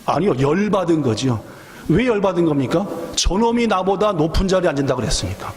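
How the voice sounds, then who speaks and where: A man preaches a sermon from a church pulpit, his voice pitched high and rising and falling sharply. He keeps quizzing his congregation and acting out the voices in his story. Long church reverb trails every phrase. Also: fairly quick. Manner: lively, questions the congregation and acts out voices. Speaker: pastor. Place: church sanctuary.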